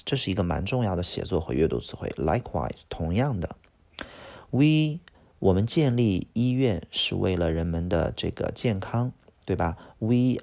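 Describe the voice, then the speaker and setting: A man teaching English vocabulary in a recorded lesson, explaining each word with quick example sentences and frequent "OK" fillers. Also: low-pitched, creaky, darkish tone.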